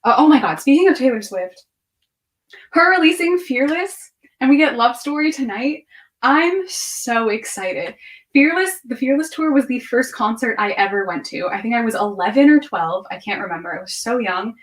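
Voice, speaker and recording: A woman in her twenties chats casually on a livestream from a room at home lined with bookshelves. Her voice is on the high side and animated, moving at a normal speed as she rambles, half-distracted, thinking aloud and answering viewers' questions.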